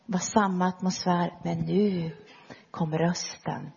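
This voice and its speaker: A middle-aged woman preacher telling her conversion story in an earnest, storytelling way, dropping low and soft at key moments. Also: fairly even intonation, vocal fry, breathy edge, muffled recording. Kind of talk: personal testimony sermon.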